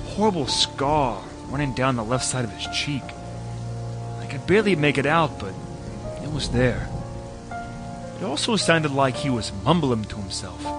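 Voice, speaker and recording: Sardonic hard-boiled detective, played by a man, weary noir narration, even mid pitch, music bed. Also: natural voice. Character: wisecracking hard-boiled male private detective.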